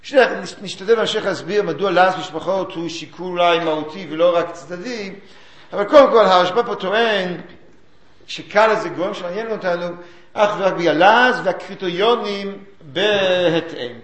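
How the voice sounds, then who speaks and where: A man's voice: sits high, a bit bright, roomy sound. A man giving a Talmudic study lecture, explaining sources and chanting the quoted texts.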